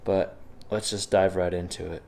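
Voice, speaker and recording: Creaky and darkish, a deep male voice with little pitch movement moves at normal speed over a faint hiss or hum. He is a physics teacher, sniffly from illness, cheerfully guiding viewers through practice problems in a relaxed video lecture.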